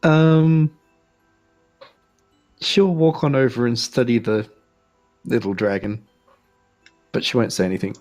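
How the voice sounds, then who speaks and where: A woman takes part as a player in a tabletop game. She speaks slowly and casually as she describes her character's actions. Faint music plays in the background. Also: a bass voice, a little mellow.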